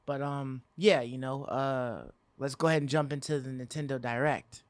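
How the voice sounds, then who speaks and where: A man's voice: mid-range voice, steady tone, moderate pace, no room sound. A man co-hosting a casual gaming podcast, laid-back and slangy, steering the talk to the next topic. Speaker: podcast co-host. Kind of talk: casual chat.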